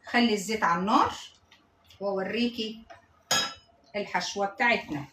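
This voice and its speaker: A woman's voice: medium pitch, brisk, background noise. A woman with an Egyptian Arabic accent, hosting a home cooking video and chatting with viewers as she works. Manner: chatty, talks to viewers while she cooks. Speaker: cooking channel host. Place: home kitchen. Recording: echoey kitchen with dish and pan clatter.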